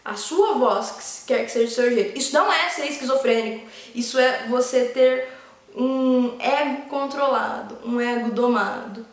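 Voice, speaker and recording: A woman's voice: fairly high pitch, moderate pace, distant mic. A woman, a naturopath, giving a casual spoken lesson and animatedly acting out examples. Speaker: naturopath and teacher. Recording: very echoey room.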